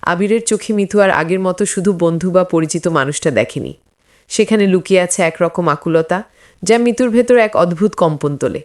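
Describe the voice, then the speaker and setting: A woman narrating a story in the third person, measured and hushed, with a note of suspense. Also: lowish voice, expressive.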